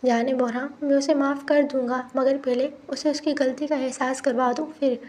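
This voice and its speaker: A cold, scolding middle-aged father from a romance novel, voiced by a woman reading aloud. The voice stays high and level, with a soft, mellow tone. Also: little pitch movement, moderate pace, slight background noise. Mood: tender.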